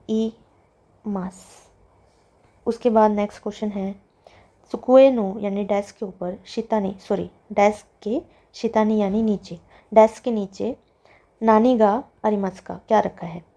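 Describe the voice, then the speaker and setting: A woman with as her teaches Japanese from a textbook exercise. She talks at a slow, deliberate pace and draws out each word as she explains it. Her voice is soft and mellow, and her pitch sits in a middle range. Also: highs cut off. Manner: slow, careful explaining, drawing out the Japanese words.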